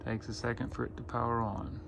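A man with a creaky, mid-range voice that barely changes pitch speaks a little fast. As an instructor demonstrating equipment in an indoor auditorium control booth, he gives a casual hands-on walkthrough in short, plain step-by-step instructions. It's a noisy recording with room ambience, made on a handheld phone filming the gear.

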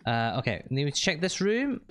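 A man's voice: a little high, sing-song, moderate pace, slight background noise. A man hosting a gaming channel, chatting upbeat and thinking aloud as he plays a co-op game. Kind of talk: co-op gameplay commentary. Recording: game sound and gunfire behind the voice.

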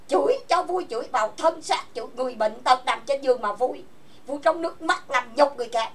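A woman's voice: high-pitched, distant mic. A woman, hosting an online chat room and delivering a furious, cursing rant. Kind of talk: angry rant. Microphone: computer voice chat mic.

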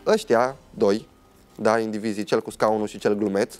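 A man's voice: on the low side, fairly even intonation, a little mellow, clean tone. A young man, a guest on a TV talk show, telling a personal story in a dramatic way and acting out what other people said.

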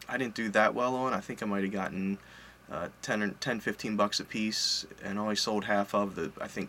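A chatty man with a low, bright, forceful voice records a casual vlog update on a webcam while seated at his desk, with a little hiss or hum audible. He's a collector and online reseller in an indoor home office full of collectibles, and he rambles, corrects himself, and speaks offhandedly.

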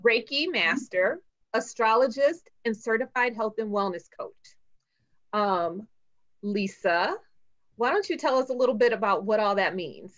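A woman's voice: a little high, expressive, unhurried, a bit bright. A woman co-hosting a podcast, chatting casually in a loose, giggly way and introducing a guest. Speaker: podcast co-host. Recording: dull lo-fi sound.

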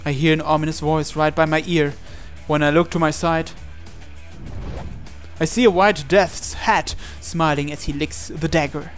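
Over music, a man plays through a visual novel and narrates its text aloud with drama. His pitch is fairly high, his tone steady, and his pace moderate.

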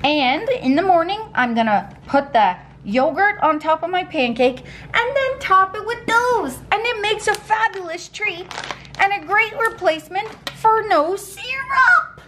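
Chatty high-voiced woman in her kitchen. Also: very animated, a little slow, background noise. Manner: chatty and upbeat, addresses viewers as friends. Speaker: vlogger showing meal prep. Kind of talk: casual cooking vlog talk. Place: home kitchen, indoors. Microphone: handheld camera at arm's length.

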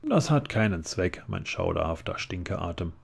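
A man voicing a weary, patient vampire count father in a relaxed ASMR story reading. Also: deep voice, moderate pace, gravelly, slightly rough, heavily acted. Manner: sighing, patient, correcting.

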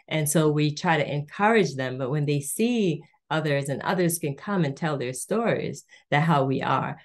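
A Jamaican woman with a low voice talks as an interview guest over a video call. She tells stories warmly and acts out the voices of the people in them. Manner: warm storytelling, acts out quoted voices.

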